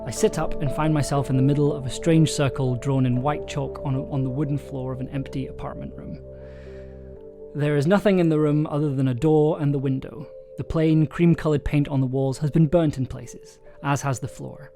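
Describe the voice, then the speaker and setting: A streamer who writes audio dramas talks in a fairly high-pitched, steady and warm voice with vocal fry, at a moderate pace. He livestreams casually and hesitantly, thinking aloud and reading from his own story draft over chill soundtrack music.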